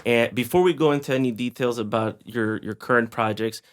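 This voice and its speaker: A man's voice: mid-range voice, brisk, clean tone. A man hosting a podcast, upbeat and encouraging as he introduces and questions his guest. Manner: upbeat, encouraging, many fillers. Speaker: podcast host and real estate broker.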